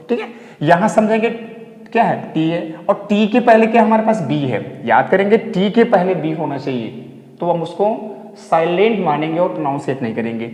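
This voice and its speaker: A man's voice: on the high side, mellow. A male teacher giving a pronunciation lesson to pupils, repeating each point and asking rhetorical questions before answering them. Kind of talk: classroom lesson. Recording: echoey hall.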